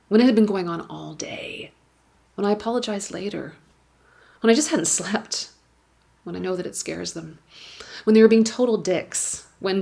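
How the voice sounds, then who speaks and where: Low-voiced woman reading a wry essay. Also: gravelly, darkish tone, husky. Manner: wry, candid, swearing, building to emphatic repetitions. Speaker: writer reading her work at an awards gala. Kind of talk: expressive live reading of a personal essay. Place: stage at a gala event.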